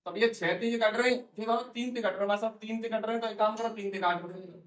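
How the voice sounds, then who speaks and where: High-voiced man teaching maths in echoey room. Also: steady tone, fast, fairly bright tone. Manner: coaxing, quizzes students, repeats answers. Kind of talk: classroom maths lesson. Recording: echoey room, voice from far off mic.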